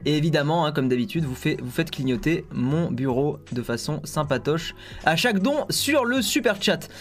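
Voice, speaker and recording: A streamer chatting loosely on a tech live stream, his voice sitting a little high. He jokes with the chat, stumbles over fillers, and faint music plays behind him. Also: animated, normal speed. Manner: chatty, many fillers, jokey asides.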